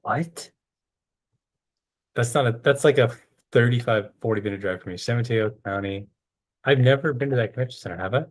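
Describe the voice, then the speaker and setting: A man's voice: mid-range voice, a little fast, long pauses. A man with an American accent hosting a casual chat in an informal, slangy way. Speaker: podcast host.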